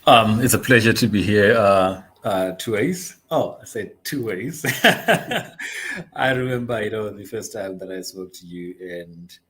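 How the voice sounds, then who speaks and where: A middle-aged Zimbabwean man, CEO of an investment advisory firm, is a guest being interviewed about his story. His voice is on the low side, slightly bright, and paced in a measured way. He tells it hesitantly and chattily, full of ums and uhs and quick light laughs.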